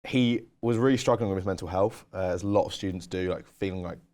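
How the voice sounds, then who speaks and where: A man's voice: low-pitched, quick pace, a little mellow. A young man, co-hosting a podcast and telling rambling stories full of "like" and "um". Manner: rambling, filler-heavy storytelling with lots of "like" and "um". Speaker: podcast co-host. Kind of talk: casual storytelling chat.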